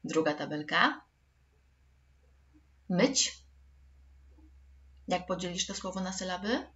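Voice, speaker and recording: A woman's voice: on the low side, fairly quick, a bit bright, muffled recording. A woman teaching a recorded school lesson for children, patient and addressing the pupils directly.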